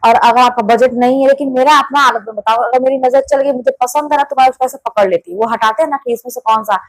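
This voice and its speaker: An insistent woman gives a motivational talk to the camera in a casual, conversational tone. Her voice sits somewhat high, and she drives her points home by repeating them. The recording is close and dry, with almost no room sound. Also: fast talker, no room sound, poor audio. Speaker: motivational YouTuber.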